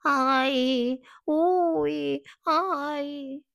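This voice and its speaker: A woman voicing a calm, soft male caterpillar who talks in a slow, drowsy, hesitant way. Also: fairly low pitch, clean tone. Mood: hurt.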